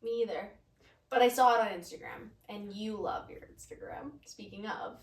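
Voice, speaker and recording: A young woman with a Canadian accent co-hosting a podcast in casual chat, teasing and animated, laughing often. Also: mid-range voice, moderate pace, slight background noise. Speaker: podcast co-host. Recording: echoey room, voice distant from mic.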